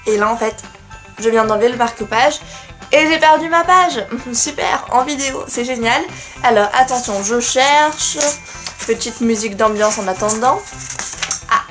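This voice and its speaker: A young woman chatting casually to camera as a book vlogger, self-mocking and full of fillers. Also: fairly high pitch. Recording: faint music behind.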